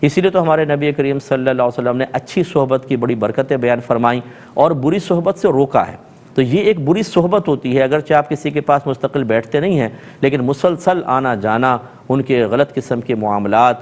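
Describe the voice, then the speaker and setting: A middle-aged man with a Pakistani Urdu accent answers viewers' religious questions on a TV show. He reads each question aloud, then explains his answer in an easy, conversational way. His voice sits at an ordinary pitch for a man. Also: darkish tone. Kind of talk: televised religious Q&A. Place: TV studio.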